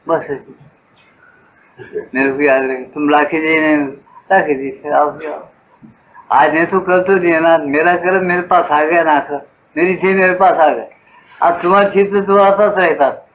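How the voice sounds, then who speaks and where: A man's voice: medium pitch, slight background noise. Elderly man giving a rambling devotional talk. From Telangana, India. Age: 70s. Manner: rambling anecdotal storytelling in colloquial speech. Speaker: spiritual teacher. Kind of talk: devotional discourse. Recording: dull muffled old tape.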